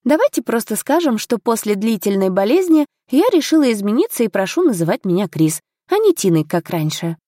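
A woman's voice: on the high side, big pitch swings, fairly quick, hardly any pauses, mellow, no room sound, studio quality. A woman reading an audiobook, voicing a determined, polite young noblewoman of twenty in a raised, earnest voice.

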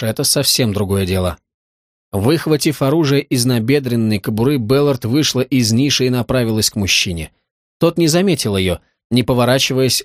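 An audiobook narrator reads a crime novel aloud, telling the story in a steady, even way. His medium-pitched voice is captured in studio quality with no room sound, and the narration is scripted.

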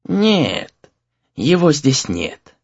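A man voicing a short, sturdy old sorcerer who teaches apprentices and answers slowly and curiously. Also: a little high, huge pitch swings, gravelly, husky, no room sound, highs cut off, heavily acted. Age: over 60.

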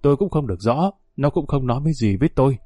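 A man's voice: medium pitch, animated, fast, warm tone, dry recording, faint music behind, close to an everyday voice. A man doing a mournful old northern villager. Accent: Northern Vietnamese. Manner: sighing, mournful talk. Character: poor old northern man, weary and grieving.

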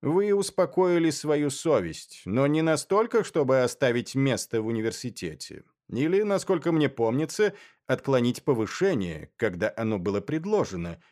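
A man's voice: fairly high pitch, big pitch swings, measured pace, a little mellow, voice pushed up. A man voicing a brusque older male official who speaks curtly and demandingly, as an audiobook character. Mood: cold. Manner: curt and demanding.

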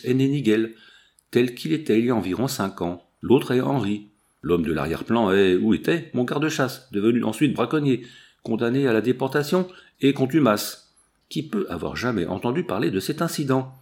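A man's voice: darkish tone, close to an everyday voice. A man reading the part of an old army general, speaking in a choked, emphatic way. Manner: deep, choked-up emphatic speech. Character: old male army general, shaken and grave.

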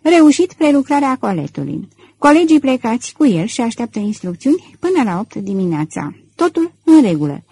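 A woman voicing a suave, self-assured middle-aged gentleman thief in an audiobook, cool and controlled. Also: fairly high pitch, very animated, slightly rough, full character voice, rough recording. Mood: mocking. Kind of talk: audiobook character reading.

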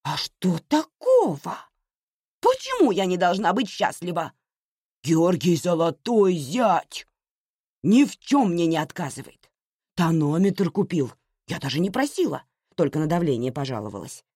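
A reproachful, scolding older mother, put on by a woman reader, lamenting and blaming in a lively, rising voice. The reading is dry and close, with a warm, dark tone. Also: sits low, normal speed, slightly rough, no room sound, voice pushed up, exaggerated voice. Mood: self-satisfied.

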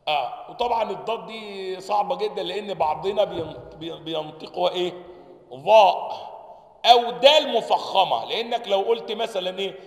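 A man's voice: sits high, fast talker, gravelly, hardly any pauses. A man with an Egyptian accent teaching a lesson on the articulation of Arabic letters, reading from a text, sounding out the letters and checking often that his students follow. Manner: checks understanding with repeated questions; demonstrates letter sounds aloud. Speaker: sheikh teaching Quran sciences. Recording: echoey hall reverb.

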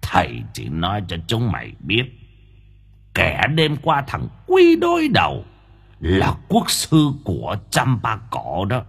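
A man voicing a cryptic old spirit master in an audiobook, speaking in slow, drawn-out pronouncements. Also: fairly low pitch, huge pitch swings, gravelly, fairly bright tone, breathy edge, exaggerated voice. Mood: lecturing. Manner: slow, drawn-out sage pronouncements with sudden chuckles.

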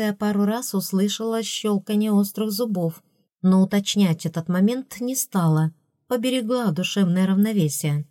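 A woman reading first-person fantasy narration for an audiobook, lively and expressive, close to the mic. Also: on the low side, no room sound.

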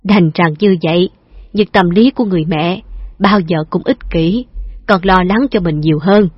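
A woman voicing a gruff but doting old father who gently grumbles and mock-scolds. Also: fairly low pitch, moderate pace, dry recording. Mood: fondly scolding. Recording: dull lo-fi dry recording.

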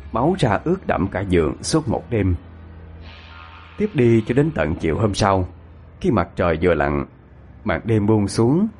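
A man's voice: fairly low pitch, darkish tone, slight background noise. A man narrating a tragic tale in a dramatic, mournful way. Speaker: storyteller.

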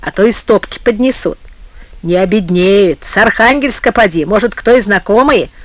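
A man's voice: high voice, normal speed, fairly bright tone, no room sound. A man reading an audiobook, voicing a tipsy, talkative sailor who mutters cheerfully. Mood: muttering. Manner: mumbling, chatty.

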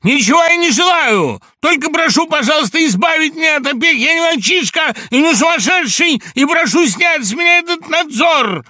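A man's voice: on the high side, huge pitch swings, moderate pace, hardly any pauses, sharp tone, no echo, clean studio sound, pitched above the performer's own voice, full character voice. A man voicing a hysterical, touchy young nobleman who screams in breathless outbursts, as in an audiobook. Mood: shouting. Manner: screaming, breathless, near tears. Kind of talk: audiobook reading.

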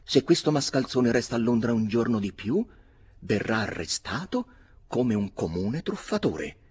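A man's voice: mid-range voice, big pitch swings, moderate pace, breathy edge, voice pushed up. A man voicing a pompous lord who speaks with open contempt. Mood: threatening. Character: disdainful male lord, pompous.

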